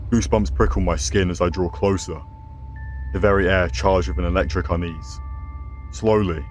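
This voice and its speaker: A man's voice: low voice, slight background noise. A man narrating scripted horror stories as a host, with a theatrical, ominous horror-host delivery.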